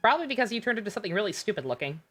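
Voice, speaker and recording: Sardonic woman streamer with a bright, animated voice. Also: mid-range voice, very fast, faint music behind. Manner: sardonic, joking. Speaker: streamer playing a game. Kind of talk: casual game commentary.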